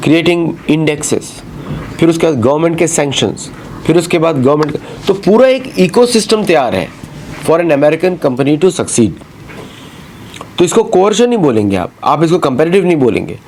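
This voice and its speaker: A man talks through current affairs in an emphatic, insistent way. He slips English phrases into his Hindi. His voice sits fairly high for a man. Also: lively intonation, moderate pace, a little mellow, slight background noise. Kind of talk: talk-show commentary.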